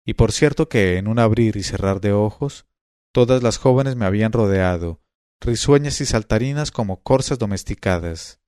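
A man narrating a classic tale in the first person, in a measured, unhurried reading style. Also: on the low side, darkish tone, clear, resonant tone, no room sound, studio quality. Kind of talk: storybook reading.

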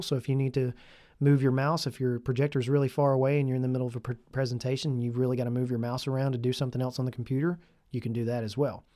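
A man's voice: mid-range voice, a little mellow, no echo, studio quality. A man, a youth minister hosting a podcast, talking casually and enthusiastically about his gear and repeating himself as he goes. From Tennessee.

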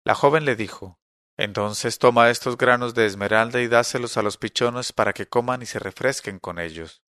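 A man reading a classic tale aloud in a calm, measured storytelling manner. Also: mid-range voice, no room sound, clean studio sound. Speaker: narrator.

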